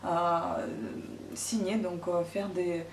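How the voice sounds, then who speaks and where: A woman's voice: on the low side, little pitch movement, slight background noise. A woman, chatting hesitantly to camera as a vlogger showing her gifts. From Ukraine. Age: 30s. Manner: chatty, hesitant, many pauses. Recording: roomy, distant from the mic.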